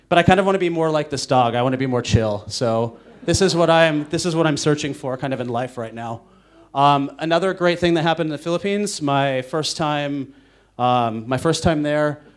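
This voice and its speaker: A young man from the Northwest of the United States gives a loose, casual talk on a conference stage, his voice sitting a little higher than most men's. He rambles and doubles back, filling gaps with ums and likes. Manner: rambling, filler-heavy, self-interrupting. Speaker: conference speaker.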